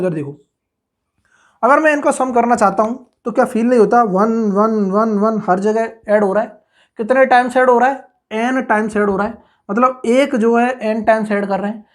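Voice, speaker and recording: A woman tutor giving an exam-prep math lecture at a board, mixing English terms into her speech and often asking the class whether it is clear before answering her own questions. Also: on the high side. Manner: mixes English terms into Hindi.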